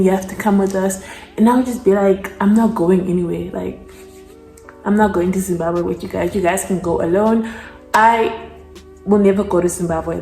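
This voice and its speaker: A woman's voice: on the low side, dark tone. A young woman chatting casually while doing her makeup, rambling with lots of "like" fillers. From South Africa. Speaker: beauty vlogger. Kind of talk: casual get-ready-with-me chat. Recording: echoey room.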